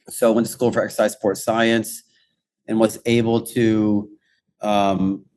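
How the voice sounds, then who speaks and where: Easygoing guy from houston, chatting on a podcast, laughs easy. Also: lowish voice. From Houston, Texas. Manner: relaxed, laughs easily. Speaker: guest, gym training director. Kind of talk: casual podcast interview.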